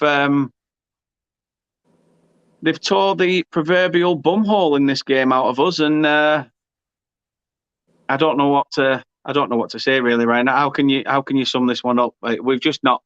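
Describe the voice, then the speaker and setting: A man's voice: medium pitch, a little slow, long pauses, clean tone, dry recording. A man hosting a live football watchalong, chatting and reacting to the match. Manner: excitable, shouts during goal moments. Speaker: watchalong host. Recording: dull lo-fi dry sound.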